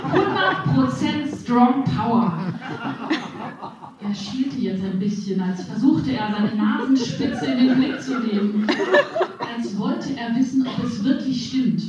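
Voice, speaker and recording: A woman in her forties reading her own humorous first-person column with a wry, deadpan delivery, in a dull, echoey, distant recording. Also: a little high, measured pace, very noisy. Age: 40s. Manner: wry, deadpan storytelling with playful voicing.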